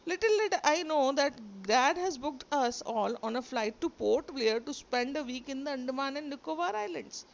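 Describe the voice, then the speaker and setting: Reading a textbook story and then going over each line again with switches into Hindi, this Indian-accented teacher, a native Sindhi speaker, sounds animated and gravelly. Her voice sits high, she keeps a moderate pace with hardly any pauses, and the phone or screen recorder mic cuts off the highs.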